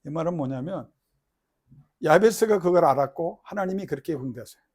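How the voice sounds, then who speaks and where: A middle-aged man preaching a sermon as pastor, swinging between loud, crying-out prayer and soft, low asides, and putting questions to the congregation. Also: lively intonation, fairly quick, slightly rough. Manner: questions the congregation and has them repeat lines.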